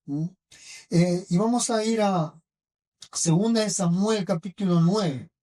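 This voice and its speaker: An Argentine woman preacher with a Rioplatense Spanish accent and a warm, medium-pitched voice retells scripture in a sermon, slowly and with pauses and fillers. She often checks in with the congregation through short tag questions, and her voice is recorded from a distance in a church hall.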